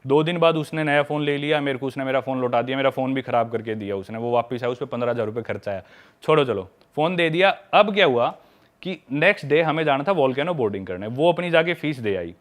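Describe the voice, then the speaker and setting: A man of middle pitch recounts a travel mishap on a casual podcast. He talks in an animated way, drops English words into his Hindi and mimics the people in his story. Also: fast talker. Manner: animated storyteller who acts out quoted dialogue.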